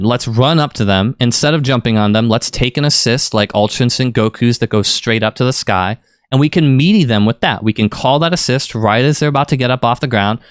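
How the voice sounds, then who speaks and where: A man talks through fighting-game strategy in a relaxed, rambling coaching style, now and then pushing a point hard. His voice is smooth and resonant, at an ordinary middle pitch. The recording is close and dry, with no room sound. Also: dry recording. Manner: conversational, rambling, lively emphasis. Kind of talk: casual explanatory commentary.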